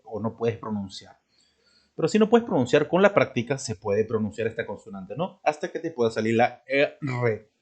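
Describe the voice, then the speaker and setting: A man teaching a spelling lesson, who clears his throat often, drills example words one by one and keeps checking in with the student. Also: medium pitch, a little mellow. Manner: checks in constantly with "¿de acuerdo?" and "¿no?"; stresses and drills each example word slowly.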